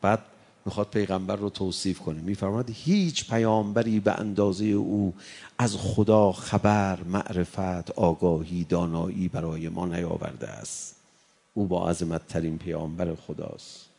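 A man preaching a sermon, reciting Arabic verses and swinging between hushed, intimate passages and impassioned rises. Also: deep voice, fairly even intonation, creaky, husky.

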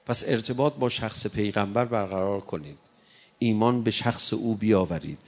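A man preaching a sermon, reciting Arabic verses and swinging between hushed, intimate passages and impassioned rises. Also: on the low side.

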